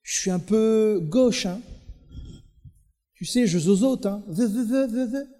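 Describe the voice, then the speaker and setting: A meek older prophet who stammers and doubts himself, as a preacher with a French Caribbean accent puts him on. He talks in hesitant, apologetic bits. His voice sits high and carries a long hall echo. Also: slow, warm tone, faint music behind. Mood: timid. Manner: hesitant, self-deprecating.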